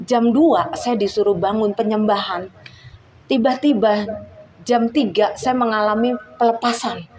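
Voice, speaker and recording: A woman's voice: on the high side, a little mellow, a little hiss or hum, poor audio. A woman giving a personal testimony at church, telling her story earnestly and acting out her prayers.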